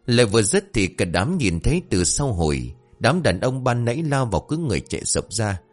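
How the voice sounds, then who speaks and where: A man narrating a comic folk tale in an animated, expressive way. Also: medium pitch, fairly quick, soft background music. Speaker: storyteller.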